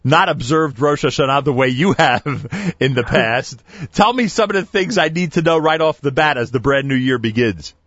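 A man's voice: fairly high pitch, normal speed, hardly any pauses, fairly bright tone, no echo. A male radio host asking long, rambling questions full of restarts. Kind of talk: radio interview. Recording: dull, dry radio studio sound.

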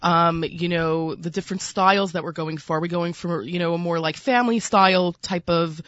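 A woman's voice: lowish voice, fairly even intonation, moderate pace, fairly bright tone, dry recording, highs cut off. A woman with a Brooklyn accent talking casually as an interview guest, chatty and peppering her speech with "like" and "you know". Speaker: food magazine editor, interview guest.

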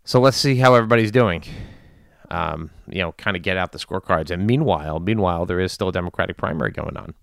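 A man giving informal news and community commentary in a measured, deliberate way with long pauses. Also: sits low, gravelly, fairly bright tone, dry recording, studio quality. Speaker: commentator addressing his community.

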